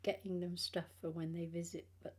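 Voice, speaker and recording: Husky older British woman with missing teeth. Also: fairly low pitch, level tone. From England. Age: 60s or older. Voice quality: speech affected by missing front teeth. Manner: halting, rambling, trailing phrases. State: tired. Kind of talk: casual personal vlog chat.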